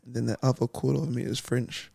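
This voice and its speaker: A man's voice: mid-range voice, flat delivery, fast talker, creaky, warm tone, husky, dry recording, clean studio sound. A young man from England, chatting easily as a guest boxer on a podcast and laughing often. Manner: easygoing, laughs often, mild swearing substitutes. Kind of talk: casual podcast chat.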